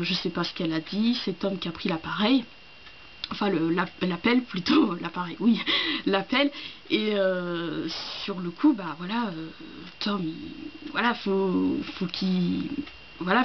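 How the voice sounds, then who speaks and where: A woman chats casually to her viewers, hesitating often and restarting her sentences. Her pitch is middling. The recording is slightly dull, with faint background noise. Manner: hesitant, full of fillers and restarts. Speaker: book vlogger. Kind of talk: casual chat to camera.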